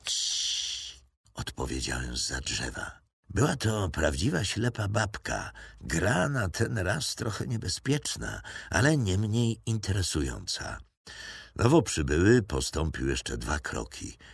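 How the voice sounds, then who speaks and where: Deep gravelly audiobook narrator, man. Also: sing-song, no room sound, studio quality. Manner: measured storytelling.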